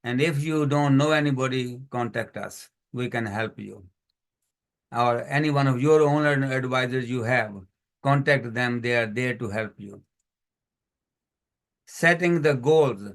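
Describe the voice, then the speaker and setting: Unhurried and medium in pitch, a financial educator gives a community workshop presentation on money over a video call. His non-native English explanations are built from many lists and a steady run of examples.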